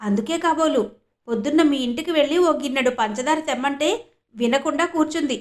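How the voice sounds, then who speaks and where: A woman's voice: high-pitched, brisk, pitched above the performer's own voice, lightly acted. A woman voicing a modest village mother who speaks firmly and scolds. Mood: scolding. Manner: firm, scolding.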